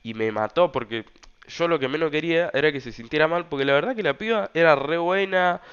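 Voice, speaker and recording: A man's voice: on the high side, brisk, a bit bright, smooth, lo-fi sound. Young Argentine man rambling through a story. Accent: Argentine Rioplatense Spanish. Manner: rambling, loose, slangy, many fillers. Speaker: podcast host. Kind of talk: casual storytelling monologue.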